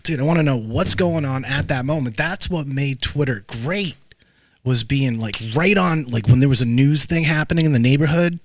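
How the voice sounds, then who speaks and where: A man's voice: medium pitch, moderate pace, a little hiss or hum. A man hosting a podcast interview, chatting loosely with lots of fillers and restarts. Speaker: podcast host.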